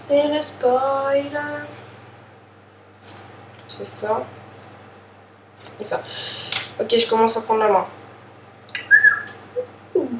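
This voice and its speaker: A woman's voice: on the high side, background noise. A woman casually commenting as she opens trading card packs, hesitant and apologetic, with many fillers. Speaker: card pack opener. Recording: distant echoey room with faint ambience.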